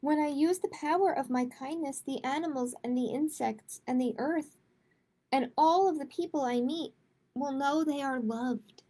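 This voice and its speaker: Speaking to her young viewers in plain, carefully paced phrases, a woman leads a live picture-book storytime. Her voice is high and mellow.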